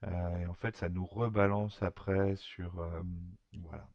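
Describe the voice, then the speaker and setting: A man talking through a screen-recorded software tutorial, hesitant, with many fillers and restarts. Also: deep voice, steady tone, unhurried, dry recording, lo-fi sound. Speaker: tutorial maker.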